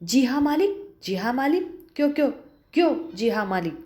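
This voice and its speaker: A woman's voice: medium pitch, lively intonation, unhurried, lightly acted. A woman reading as an enraged stern male master. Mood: stammering rage. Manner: shouting, stammering repetitions in rage. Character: angry middle-aged male employer, stern master. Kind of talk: reading a one-act play aloud.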